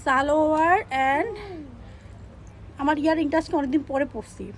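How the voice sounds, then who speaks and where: A young woman selling clothes on a live stream, pitching each dress with pushy repetition and English words mixed in. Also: steady tone, normal speed, a little hiss or hum. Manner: repeats phrases, pushy upbeat selling, mixes English words. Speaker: online clothing seller.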